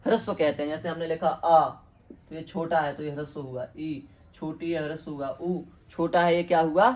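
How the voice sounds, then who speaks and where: A man's voice: on the high side, steady tone, normal speed, darkish tone. A man teaching a Sanskrit grammar lesson, asking questions and answering them himself, repeating each term.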